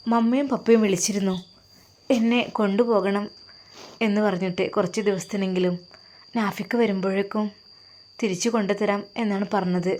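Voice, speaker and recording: A woman voicing a gentle, devout young woman who speaks affectionately and softly to her mother-in-law. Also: mid-range voice, fairly even intonation, normal speed, long pauses, natural voice. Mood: tender.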